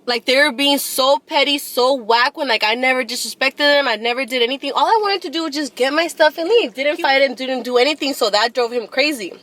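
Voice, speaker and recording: A woman's voice: high voice, a little fast, hardly any pauses, fairly bright tone. A woman in her twenties casually telling a long personal story, blunt and profane. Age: 20s.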